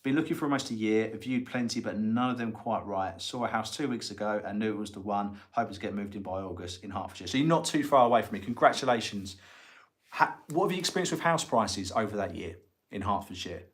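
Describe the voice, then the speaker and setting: A man's voice: fairly low pitch, lively intonation, fast talker. A man with an Essex accent, chatting casually and informally as the host of a livestream. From Essex, England. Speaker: livestream host and estate agent. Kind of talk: casual livestream chat answering viewers' comments.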